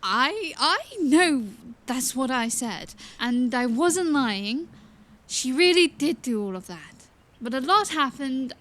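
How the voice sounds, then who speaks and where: An impulsive young princess from a fantasy audio drama. She pleads in a high voice at an unhurried pace, earnest and a little hesitant. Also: animated, fairly bright tone, full character voice. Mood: pleading.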